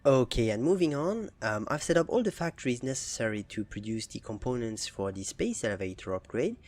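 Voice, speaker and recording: A young gaming channel host talks casually over his own gameplay footage, sounding relaxed and hesitant, full of fillers and restarts. His voice is mid-range, and he speaks a little fast.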